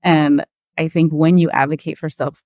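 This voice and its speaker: Woman, low voice, dry sound, animated storyteller, mimics quoted voices. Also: moderate pace, no echo. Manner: animated, acts out quoted voices, frequent fillers. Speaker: guest. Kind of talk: conversational interview storytelling.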